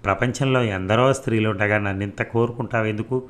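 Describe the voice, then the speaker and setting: A man reading aloud as a shy, doubting young woman student in a storybook romance, asking questions softly. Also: fairly low pitch, fairly even intonation, brisk, close to an everyday voice.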